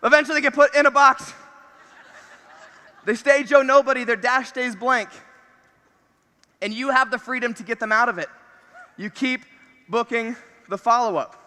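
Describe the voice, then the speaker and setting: A man with a very high, forceful voice delivers a motivational talk from a stage mic. He speaks in punchy bursts and hammers his key phrases again and again. His voice rings through a big convention hall with a long reverb tail. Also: normal speed, pauses often. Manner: energetic, punchy, repeats key phrases, laughs between points.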